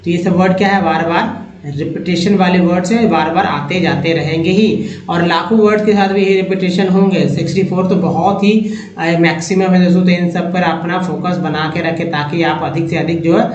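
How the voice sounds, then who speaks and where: A man from India teaching English words in a slow lesson, repeating each word and spelling out letters. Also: high voice, fairly even intonation. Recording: echoey lo-fi room.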